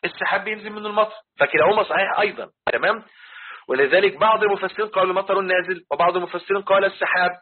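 A man racing along in a high, slightly rough voice explains Quran commentary to his class, his Egyptian Arabic accent clear. This religious teacher repeats himself and checks often that listeners keep up, and the recording is tinny and phone-like.

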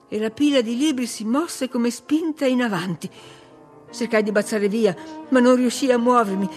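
Female audiobook narrator, somewhat high voice, measured and dramatic, faint music underneath. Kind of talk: expressive literary narration.

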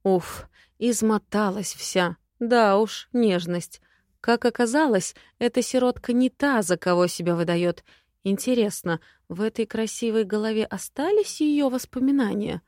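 A woman's voice: on the high side, moderate pace, darkish tone, no echo, studio quality. A woman narrating a first-person fantasy audiobook in a sassy, exclamatory, comic way.

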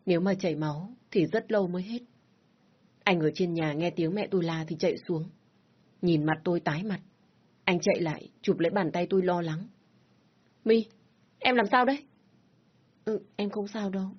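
A woman narrating a first-person story in a soft, reflective, unhurried reading. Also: on the low side, husky, dull audio.

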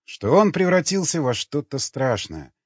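A man narrating an audiobook in a steady, measured reading voice. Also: a little high, no echo. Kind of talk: scripted narration. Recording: dry, slightly dull recording.

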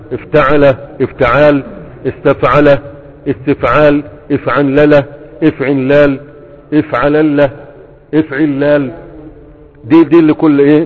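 Man teaching grammar in an Egyptian accent. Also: fairly high pitch. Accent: Egyptian Arabic. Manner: repeats verb patterns slowly, asks "تمام؟" to check understanding. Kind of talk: spoken lesson explaining verse on Arabic morphology. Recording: phone-like sound with a long reverb.

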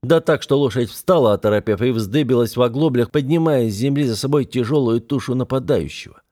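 A male audiobook narrator telling a first-person adventure story at a steady pace. His voice is warm and mellow, with a mid-range pitch. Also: a little fast.

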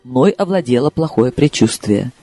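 A man reading a novel aloud in expressive first-person narration. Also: medium pitch, moderate pace. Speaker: audiobook reader. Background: soft background music.

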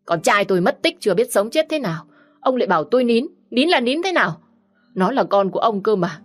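A woman voicing a hysterical middle-aged mother who sobs and laments at a high, loud pitch. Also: sing-song, a little fast, soft background music. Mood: wailing, frantic. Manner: shrill, sobbing, lamenting.

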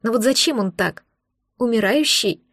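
A woman's voice: a little high, animated, moderate pace, fairly bright tone, no room sound, studio quality. A woman voicing a tearful, anxious young princess who pleads and frets, in an audiobook. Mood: tearful, pleading. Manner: pleading, sobbing, flustered. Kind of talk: audiobook dialogue.

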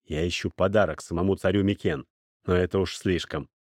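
A hard-bargaining older merchant, voiced by a male reader, speaks low and firm. His tone is businesslike and unhurried, and the sound is dry and close. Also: steady tone, a little mellow, no room sound.

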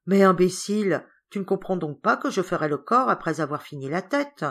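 A woman voicing a lively, brisk governess who chides and teases in a storybook reading. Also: fairly low pitch.

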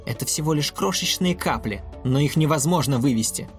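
A man voicing a furious young boy who loudly accuses a murderer. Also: fairly high pitch, expressive, a little fast, soft background music, lightly acted. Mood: angry accusing. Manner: loud, indignant declaiming.

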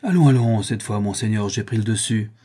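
A man voicing an aging loyal squire who fights back tears, in a gruff, steadying manner, for an audiobook. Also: on the low side, brisk, warm tone. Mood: resolute. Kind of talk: audiobook reading.

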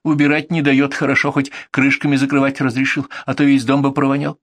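A man's voice: mid-range voice, monotone, fairly quick, pitched above the performer's own voice, close to an everyday voice. A man voicing a weary older mother who complains in a resigned way about her sick son. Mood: complaining.

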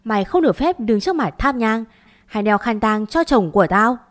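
A bitter old mother-in-law in a spoken story, wailing in grief one moment and screeching accusations the next, as a woman narrator puts her on. Her voice sits a little higher and much louder than the reader's own. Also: expressive, fairly quick, lightly acted. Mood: spitting insults.

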